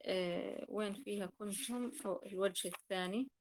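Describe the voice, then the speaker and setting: A woman's voice: mid-range voice, a little fast, a little hiss or hum. Patient woman teaching Quran recitation. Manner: patient, repeats key points and sounds out examples. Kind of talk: explanatory class lesson.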